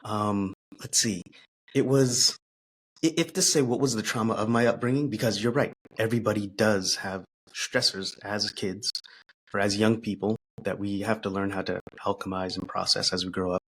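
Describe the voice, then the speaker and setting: A man speaking as a podcast guest, reflective and thoughtful, pausing and restarting as he talks. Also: on the low side, steady tone, husky. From United States. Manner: thoughtful, pauses and restarts, laughs softly.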